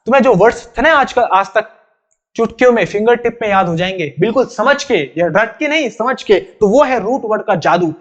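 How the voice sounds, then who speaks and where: A man teaching an exam-prep vocabulary lesson, chatty and repetitive, calling his students brother. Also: extremely high pitch. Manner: chatty, repetitive explaining, addresses students as bhai. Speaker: English teacher. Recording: dull lo-fi recording.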